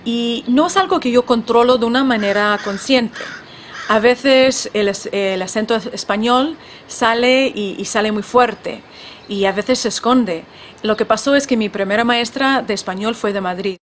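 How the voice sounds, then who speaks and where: Woman podcast host, slightly high-pitched, thoughtful and halting, accent drifts between varieties, faint background noise. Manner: thoughtful, with frequent restarts and fillers; Spanish shifting between several accents. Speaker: podcast host and language author. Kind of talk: reflective personal monologue. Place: California.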